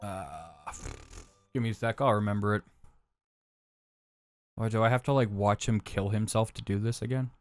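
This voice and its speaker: A man's voice: lowish voice, moderate pace, long pauses, faint music behind. A young man co-hosting a let's play, chatting casually and rambling, swearing freely and joking as he plays. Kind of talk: casual gameplay chat.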